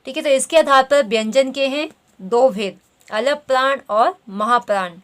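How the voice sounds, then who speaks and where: A woman teaching grammar, walking through quiz questions and repeating "theek hai" as she explains. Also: high voice. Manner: says "theek hai" constantly, reads options slowly.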